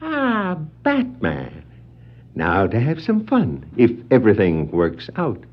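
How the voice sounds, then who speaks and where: An actor playing a gleeful, scheming clown villain with cackling laughter in a theatrical, gloating manner, in the style of a 1960s superhero record. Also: male voice, huge pitch swings, slow, full character voice. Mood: mocking glee. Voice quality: high, cackling laughter and whoops. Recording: dull 1960s vinyl record dramatization.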